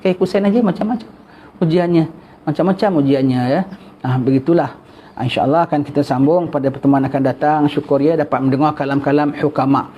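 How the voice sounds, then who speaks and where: A folksy older man from Singapore teaches religion in a kitab study lecture, speaking briskly in a fairly high voice. He keeps it conversational and mixes in Javanese and Arabic phrases. The lo-fi recording sounds dull, with faint noise.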